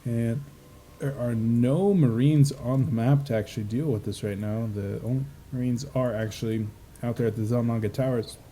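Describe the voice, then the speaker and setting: A man doing casual play-by-play commentary on a video game match, relaxed and chatty with lots of filler words. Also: mid-range voice, normal speed, a little hiss or hum. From United States. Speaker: esports caster.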